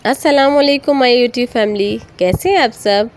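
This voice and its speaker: A woman's voice: on the high side, normal speed. A mother in her thirties with a Pakistani Urdu accent, narrating her family vlog in a friendly storytelling voice. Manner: friendly, storytelling, polite address to viewers. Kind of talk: voice-over narration. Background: soft acoustic guitar music.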